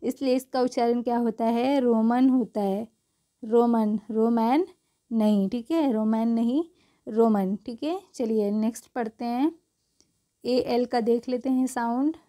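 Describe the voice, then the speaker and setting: A woman teaching English pronunciation rules, spelling words out slowly and checking in with questions and "okay". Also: on the high side, steady tone, warm tone. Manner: slow, drawn-out spelling of letters.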